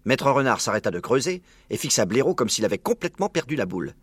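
A man narrates a children's storybook in a calm, low-key voice at a middle pitch. The sound is dry and close, with no room around it. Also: fast, dry recording. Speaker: audiobook narrator.

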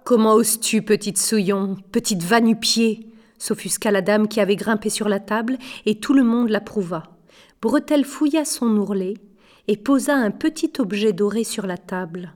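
A woman narrating an audiobook with expressive character voices. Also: medium pitch, moderate pace.

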